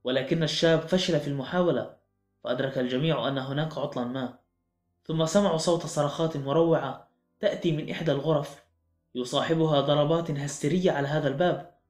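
A man's voice: a little high, steady tone, fast, a little mellow. A man narrating a mystery audiobook in a dramatic, suspenseful manner. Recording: echoey room with faint music.

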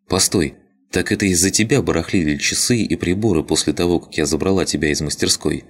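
A man's voice: deep voice, a little fast. A man voicing a tired young woman who sounds resigned and wryly sad. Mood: weary. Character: weary young woman awaiting her fate.

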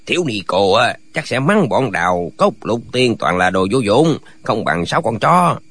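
Male actor voicing a pack of silly, bickering hermit brothers in a radio drama, husky and singsong. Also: lowish voice, big pitch swings, moderate pace, fairly bright tone, exaggerated voice. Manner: bickering, argumentative back-and-forth. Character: six squabbling, foolish male martial hermits.

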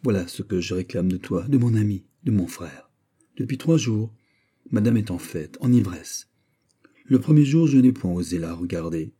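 A man's voice: fairly low pitch, lively intonation, moderate pace, warm tone, husky. A man reading as a jealous, lovesick young nobleman. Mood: feverish. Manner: impassioned, pleading.

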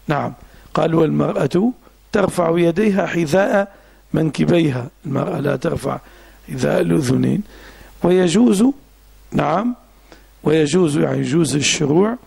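A man, a sheikh, teaching a classical law text, explaining slowly and repeating key terms with frequent affirmations. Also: fairly high pitch, creaky, a little mellow, breathy edge.

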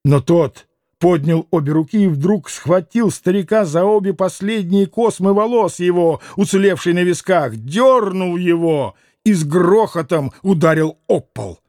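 A man narrating a classic novel aloud in an expressive, dramatic reading. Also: high-pitched, a little slow, no echo, clean studio sound. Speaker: audiobook narrator. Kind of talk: scripted literary narration.

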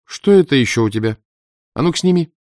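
Man voicing a shrill scolding mother. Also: expressive, fast, dry recording, studio quality, lightly acted. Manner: sharp, scolding commands. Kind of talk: audiobook character voice.

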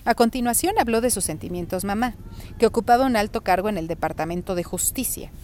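A woman calmly reading a chapter of a novel aloud, narrating in a steady way. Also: medium pitch, quick pace, a little hiss or hum. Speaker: reader.

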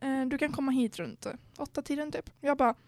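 High-voiced young woman telling stories. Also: a little mellow, dry recording. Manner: storytelling, acts out quoted dialogue. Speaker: podcast host. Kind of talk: casual chat.

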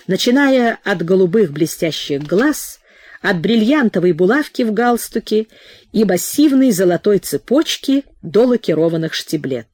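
A woman reading a novel aloud in expressive audiobook narration. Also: mid-range voice, dry recording. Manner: expressive storytelling. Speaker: audiobook reader.

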